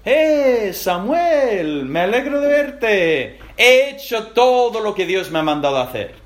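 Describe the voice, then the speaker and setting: A man from voicing an evasive, blustering King Saul in a loud, high-pitched, falsely cheerful way. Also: big pitch swings, slow, heavily acted.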